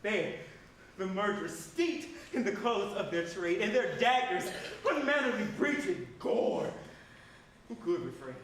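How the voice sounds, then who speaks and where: A man's voice: high-pitched, big pitch swings, a little slow, a bit bright, heavily acted. A man playing a grave Shakespearean lord who feigns grief, with hammy, declamatory delivery. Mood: impassioned self-defence. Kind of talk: Shakespearean stage acting. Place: indoor stage performance. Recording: very echoey hall, distant microphone, faint noise.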